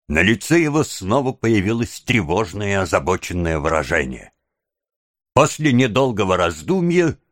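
A man reading an audiobook as narrator, with a measured, even storytelling delivery on a close studio mic. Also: low-pitched, no echo. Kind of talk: scripted narration.

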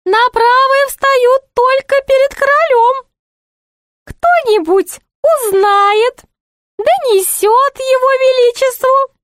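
Woman putting on a sly greedy court jester, sugary and wheedling, very high and slow, dry storybook read. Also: a bit bright, no echo, exaggerated voice. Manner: sweet-voiced, sly and wheedling.

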